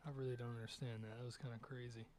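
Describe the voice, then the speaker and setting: A man's voice: medium pitch, level tone, racing, darkish tone, a little hiss or hum. A young man streaming a hunting game, giving casual, rambling commentary as he thinks aloud over his shots.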